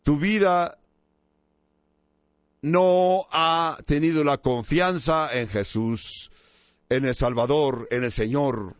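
A preacher tells a story in his sermon, earnest and inviting, with pauses between phrases. His voice sits fairly high for a man. The recording sounds dull and dry, with no room echo.

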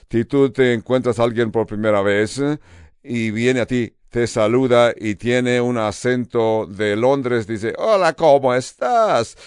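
Older pastor preaching in a slow, clear voice. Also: male voice, mid-range voice, dry recording, clean studio sound. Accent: Californian. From United States. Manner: earnest, steady preaching with pauses and repeated phrases. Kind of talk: sermon.

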